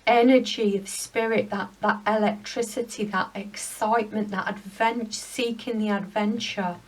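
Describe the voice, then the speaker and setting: A woman giving a spiritual pick-a-card rune reading, speaking in a gentle, rambling, heartfelt way. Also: mid-range voice, steady tone, unhurried, recorded from a distance, low-quality recording.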